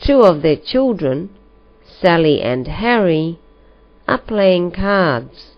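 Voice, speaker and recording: Female reader for a learners' listening test; very slow, careful delivery on a muffled lo-fi recording. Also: lowish voice, animated. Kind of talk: slow scripted reading for learners. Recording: dull lo-fi recording.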